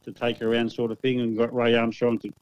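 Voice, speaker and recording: A man's voice: mid-range voice, monotone, a little fast, a little mellow, smooth, dull audio. An Australian man giving results as a guest club official, easygoing and chatty. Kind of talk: casual report.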